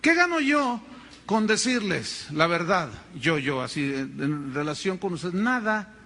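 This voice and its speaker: A man's voice: a little high, unhurried. A man preaching a sermon as pastor, telling stories with humor and acting out other people's voices. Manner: animated storytelling with humor and acted-out voices.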